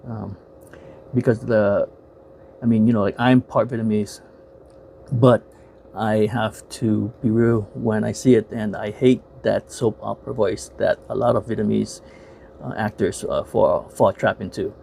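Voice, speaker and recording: A man's voice: lowish voice, steady tone, unhurried, vocal fry, mellow, a little hiss or hum. A man giving a casual, rambling movie review, full of filler words and self-corrections, frank and opinionated.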